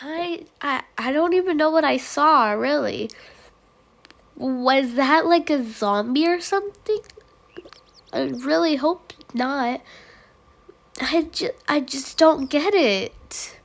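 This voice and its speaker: A woman's voice: sits high, expressive, takes it slowly, vocal fry. A young woman who is sick and coughing, narrating a toy role-play in a breathless, panicky way. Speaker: role-play channel creator.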